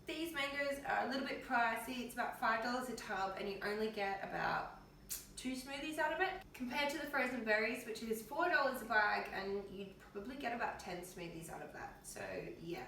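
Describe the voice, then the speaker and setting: A woman's voice: on the high side, animated, moderate pace, bright, forceful tone. A woman with an Australian accent chatting casually in her home kitchen, tired and in pain, with an offhand, colloquial way of talking. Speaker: health vlogger. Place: home kitchen with windows open. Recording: very echoey kitchen, distant mic, faint noise.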